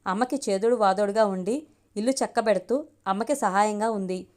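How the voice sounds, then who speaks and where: A woman voicing an earnest, gentle young man in an audio story. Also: mid-range voice, brisk, lightly acted. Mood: pleading. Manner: soothing, reasoning.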